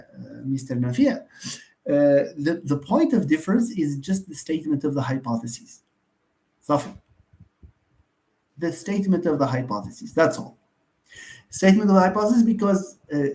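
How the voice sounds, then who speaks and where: Speaking with a Moroccan accent and Moroccan Arabic as his first language, a male university lecturer fields student questions online. He has a slightly high, dark-toned voice and hesitates a lot, restarting, using many fillers and frequently answering his own questions.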